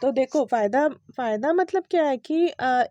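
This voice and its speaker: A high-pitched woman with an Indian English accent gives a patient pronunciation lesson, sounding out each word again and again. Her tone is soft and mellow, and the recording is close and dry with no room sound. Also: expressive, no echo, lo-fi sound. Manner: patient, repeats words slowly and mixes Hindi with English.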